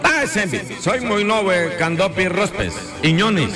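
Over clear background music, a high-pitched man performs as a radio comedy storyteller. His words are playfully scrambled into nonsense syllables. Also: very animated, unhurried. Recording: music playing behind the voice.

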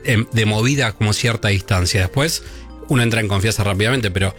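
Low-voiced Argentine radio guest. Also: male voice, a little fast, fairly bright tone, soft background music. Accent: Argentine Spanish. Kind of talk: casual radio chat.

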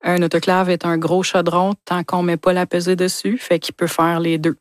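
A woman in her forties with a Quebec French accent, a guest expert calmly explaining in a studio interview. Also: on the low side, moderate pace, no room sound. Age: 40s. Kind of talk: answering interview questions.

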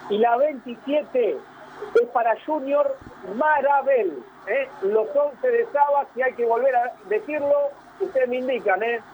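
A man slowly reading out a team's lineup on a live sports radio show. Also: very high voice, lo-fi sound, a little hiss or hum. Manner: slow, deliberate listing.

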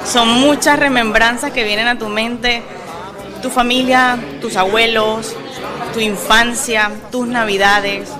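A Venezuelan woman speaks with warm emotion and enthusiasm. Her pitch sits at a middle level. Music and a crowd are clearly audible behind her. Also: fairly even intonation, slow pace. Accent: Venezuelan Spanish. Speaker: interviewee. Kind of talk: radio interview.

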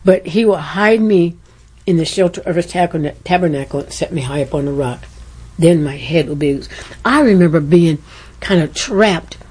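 Older woman with a dark, husky voice. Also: lowish voice, moderate pace. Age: 70s. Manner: rambling, storytelling with laughs and self-corrections. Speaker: radio guest.

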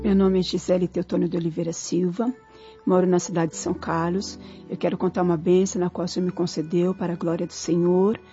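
A woman's voice: on the low side, flat delivery, fast, mellow. A woman giving an earnest, grateful church testimony, repeating her thanks, in a dull lo-fi recording with faint music.

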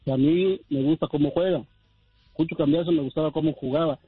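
A man's voice: fairly high pitch, brisk, slightly rough, no room sound. A man calling in to a radio show, rambling as he defends himself. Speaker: caller. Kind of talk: phone-in chat. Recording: tinny phone line.

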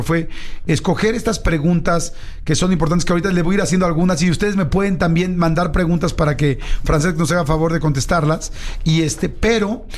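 A male host with a Mexican Spanish accent introduces his guest and asks questions. His voice sits fairly high. He sounds openly enthusiastic and peppers his speech with casual fillers. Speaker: show host. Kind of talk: enthusiastic interview hosting.

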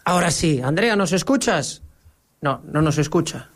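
A man's voice: a little high, lively intonation, normal speed. A man hosting a radio sports interview with playful, jokey banter.

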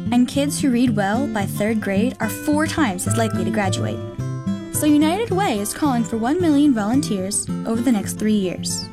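A woman reading a scripted public service appeal in an earnest, measured way. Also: on the high side. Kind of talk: scripted radio appeal narration.

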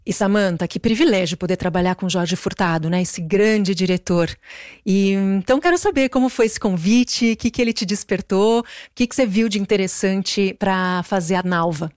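A woman's voice: mid-range voice, normal speed, a little mellow, dry recording, studio quality. A woman interviewing a guest on TV, asking friendly, enthusiastic questions.

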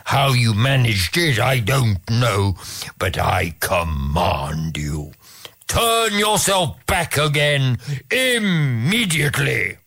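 A reader voicing an angry, stubborn king in a storybook tale, blustering and shouting. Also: mid-range voice, sing-song, takes it slowly, exaggerated voice. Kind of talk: storybook reading.

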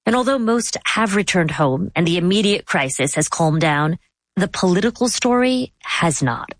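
A woman hosting a news podcast, speaking in a measured, conversational way. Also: on the low side, expressive, no room sound. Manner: measured, conversational delivery with some fillers. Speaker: podcast host. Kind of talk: radio news presenting.

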